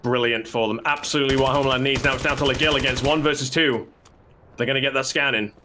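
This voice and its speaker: A man giving excited live esports commentary, repeating phrases for emphasis and bursting into raised, shouted calls at the action. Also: mid-range voice, fast talker. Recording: noisy, gunfire and clicks behind. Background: video game gunfire.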